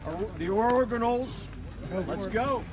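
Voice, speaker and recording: A man's voice: very high-pitched, slow. A man informally announcing an outdoor event in a joking, folksy way. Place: outdoors by a river at a charity event. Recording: noisy outdoor live stream.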